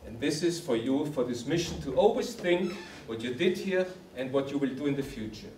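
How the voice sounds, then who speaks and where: A man's voice: medium pitch, animated, a little fast, darkish tone, a little hiss or hum. Man giving a formal closing speech. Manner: formal, encouraging, repetitive phrasing. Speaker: camp organizer. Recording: roomy hall from a distance.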